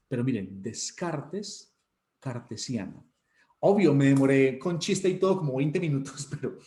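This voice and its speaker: A man with a Colombian Spanish accent teaching an online class, joking and animated, sometimes putting on mocking voices. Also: mid-range voice, roomy sound. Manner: joking, animated, mocks students with put-on voices.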